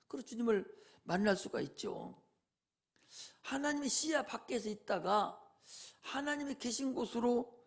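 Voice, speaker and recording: A man's voice: extremely high pitch, vocal fry. A male pastor preaching a sermon in a folksy way, often asking rhetorical questions.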